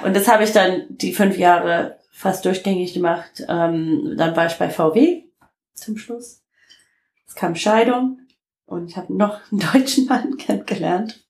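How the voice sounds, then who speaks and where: Guest voice: gravelly, lowish American woman in her fifties, halting with many fillers, echoey room. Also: darkish tone. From United States (Detroit). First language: English. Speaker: interview guest. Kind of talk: casual interview talk.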